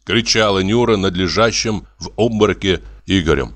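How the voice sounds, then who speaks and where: A man narrating an audiobook in a measured, expressive storytelling manner. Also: low voice.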